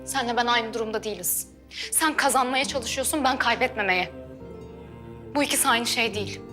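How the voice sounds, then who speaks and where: A woman's voice: a little high, brisk, music in the background, natural voice. An actress playing a grieving young woman who angrily confronts the man defending her father's accused killer, in a heated, accusing manner. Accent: Turkish. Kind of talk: TV drama acting.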